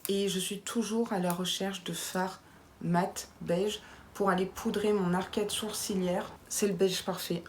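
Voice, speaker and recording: A woman chatting casually in a vlog, playful and quick to laugh as she reads viewer comments and unboxes makeup. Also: medium pitch, darkish tone, slight background noise. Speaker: beauty vlogger.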